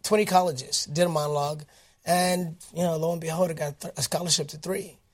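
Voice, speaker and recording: A man from Detroit, a guest actor telling his career story in a casual interview, animated and upbeat, with plenty of fillers and restarts. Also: on the high side, fairly quick. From Detroit, United States.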